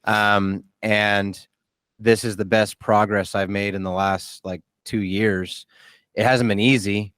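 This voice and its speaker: A man in his late thirties hosts a podcast, chatting candidly in a casual interview with a low, smooth, resonant voice that still sounds fairly bright. His delivery is flat, halting and self-deprecating, often circling back to restart sentences, and the recording is close and dry.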